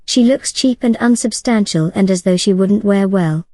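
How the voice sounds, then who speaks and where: A woman's voice: medium pitch, moderate pace, warm tone, dry recording, natural voice. A woman voicing an opinionated, aging male bachelor who talks in a lecturing, earnest way.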